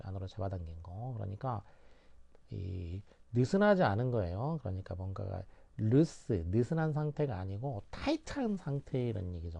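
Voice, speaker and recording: Male vocab teacher, explanatory lecture, repeats key words; dark mellow tone, dull recording. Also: fairly low pitch, gravelly. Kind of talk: lecture explaining word roots.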